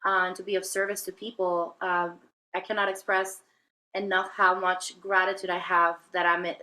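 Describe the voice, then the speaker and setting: A spiritual healer from Venezuela, guesting in a reflective personal interview, recounts her life at a moderate pace in a fairly low voice that's pushed and bright yet flat in delivery. Her speech is hesitant, full of fillers and restarts, and the audio quality is poor.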